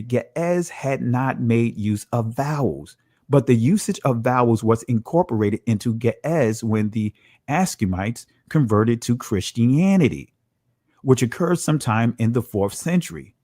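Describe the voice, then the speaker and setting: A man teaching from slides, slow and emphatic, asking his listeners rhetorical questions. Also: medium pitch, a little mellow, dry recording, studio quality.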